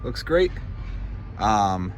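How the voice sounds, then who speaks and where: An off-road vehicle vlogger with a lowish voice, big pitch swings and drawn-out words gives a casual how-to walkthrough of a vehicle install, thinking aloud conversationally. He's in and around a parked truck outdoors, with wind, outdoor and vehicle noise in the recording.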